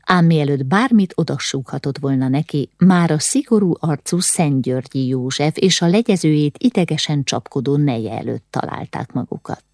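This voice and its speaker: A woman narrating a historical novel as an audiobook in an even storytelling delivery. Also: sits low, hardly any pauses, no room sound, studio quality.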